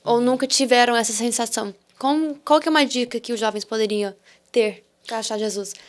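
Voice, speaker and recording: A woman with a somewhat high voice hosts a casual podcast interview. She asks her questions plainly and keeps up steady affirmations while others talk. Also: fairly quick. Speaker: podcast host.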